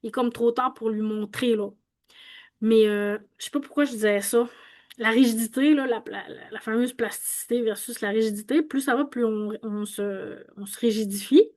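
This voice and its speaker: A woman's voice: fairly high pitch, fairly even intonation, normal speed, a little mellow. A young woman with a Quebec French accent, casually explaining vowel sounds and thinking aloud as she goes, with many restarts and fillers. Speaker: host explaining phonetics.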